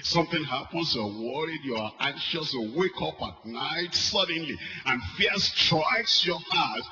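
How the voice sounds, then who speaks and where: A man preaching a sermon, who repeats questions and swings between loud urging and low, quiet musing. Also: lively intonation, unhurried. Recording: dull lo-fi recording with faint music.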